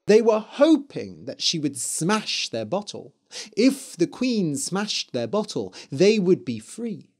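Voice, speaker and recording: Man, storyteller, slow, deliberate, very lively intonation, clear reading for learners. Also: on the high side. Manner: expressive, deliberate.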